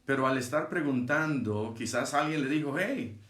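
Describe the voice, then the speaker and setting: A man giving a devotional as a pastor, reading a Bible passage and then preaching on it with emphatic, animated retelling. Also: mid-range voice, moderate pace. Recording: roomy echo.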